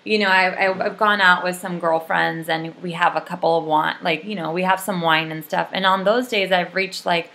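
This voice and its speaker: A woman's voice: on the low side, fairly even intonation, moderate pace, creaky, hardly any pauses, sharp tone. A young adult woman giving a casual, rambling video update, full of ums and likes. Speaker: vlogger.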